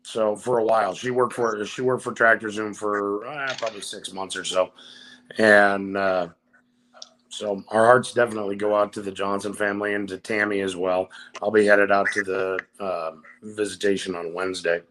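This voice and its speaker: A man's voice: lowish voice, steady tone, normal speed, fairly bright tone, a little hiss or hum, poor audio. A man chatting casually as a panelist on a talk show. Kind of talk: casual chat.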